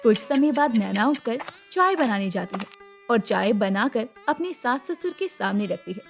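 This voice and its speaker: A woman narrates an animated moral story in a dramatic, expressive way. Her voice sits high and moves a lot, with faint music underneath. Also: moderate pace.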